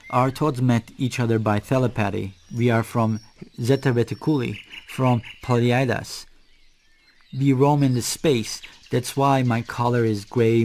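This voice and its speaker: A man with a Turkish accent voicing a calm gray male alien from deep space in a children's theatre story, speaking in a measured, earnest way. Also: a little hiss or hum, close to an everyday voice.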